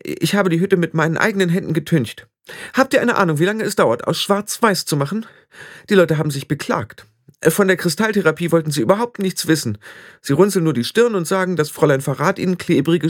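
Man reading frantic young witch, high strained voice, stammering, swooping pitch, dry sound. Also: lively intonation, fairly quick, no room sound. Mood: anxious, complaining. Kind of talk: audiobook character voice.

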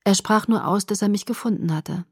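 A woman narrating a novel in the first person, softly and subdued, at times near a whisper. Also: medium pitch, fairly quick, husky, no echo, clean studio sound. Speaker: audiobook narrator.

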